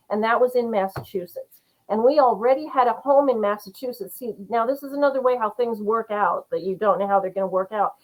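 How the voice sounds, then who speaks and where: Middle aged woman guest on a podcast, earnest and rambly, lots of um and like, normal pitch. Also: darkish tone, low-quality recording. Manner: rambling, earnest, many fillers and restarts. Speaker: guest author. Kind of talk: casual interview chat.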